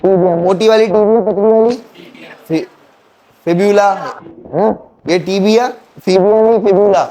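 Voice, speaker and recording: A man's voice: high voice, a little slow, pauses often, warm tone. A male teacher giving a classroom anatomy lecture, quizzing students and counting bones aloud. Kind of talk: classroom lecture with call-and-response questions.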